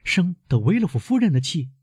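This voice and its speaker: A man's voice: on the high side, very animated, fairly quick, darkish tone, breathy edge, no echo, studio quality, voice pushed up, full character voice. A man voicing an anxious, devoted young granddaughter who keeps pressing her questions urgently. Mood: anxious pleading.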